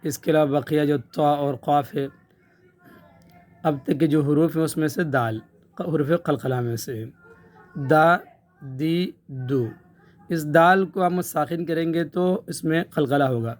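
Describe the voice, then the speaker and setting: Male Tajweed teacher, slightly higher-pitched, patient drill-style delivery with repeated syllables. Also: pauses often. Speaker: Quran recitation teacher.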